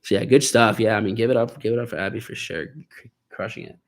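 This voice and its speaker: A man's voice: lowish voice, quick pace, vocal fry. A man hosting a live Q&A on trading, casually encouraging his students and talking through their journals with lots of fillers and restarts. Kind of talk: casual live-stream talk.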